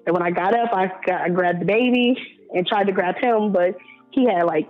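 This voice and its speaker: Woman caller, halting laughing storyteller, music bed behind. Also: medium pitch, narrow, tinny audio. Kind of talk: casual phone chat.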